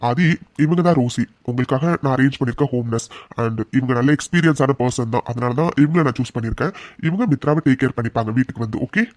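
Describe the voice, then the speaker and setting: A man voicing a calm, instructive hospital doctor in a cartoon. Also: medium pitch, fast talker, no room sound, studio quality, lightly acted. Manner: explanatory, mixing in English. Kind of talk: cartoon voice acting.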